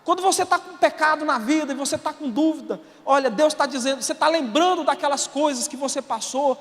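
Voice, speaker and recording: A Brazilian man preaching a sermon as pastor, animated and colloquial, swinging from soft asides to shouts. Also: extremely high pitch, brisk. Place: church auditorium. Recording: long reverb of a large hall.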